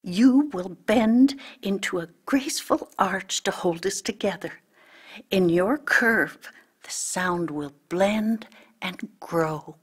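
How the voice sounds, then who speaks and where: A kindly male piece of boxwood speaks gently, voiced by a woman. His words are admiring and slow. The tone is soft storybook reading. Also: medium pitch, breathy edge.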